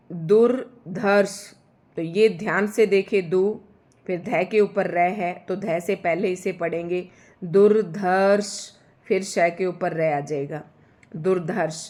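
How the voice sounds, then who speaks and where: A woman teaching Hindi spelling online for exam candidates, pronouncing words slowly syllable by syllable and correcting her own slips. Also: lowish voice, fairly even intonation, a little mellow. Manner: slow, careful syllable-by-syllable pronunciation, self-correcting.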